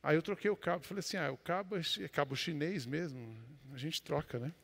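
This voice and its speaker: A man with a Brazilian accent, a pastor preaching a sermon and telling a personal story, with sudden loud exclamations between quieter asides. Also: on the high side, lively intonation, brisk, creaky, slightly rough. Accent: Brazilian Portuguese. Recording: long hall reverb.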